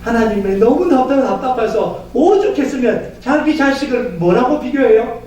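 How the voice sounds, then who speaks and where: A male pastor preaching a sermon in a church, telling stories in an animated way and often acting out voices. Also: very high-pitched, normal speed. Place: church sanctuary. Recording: echoey church from far off.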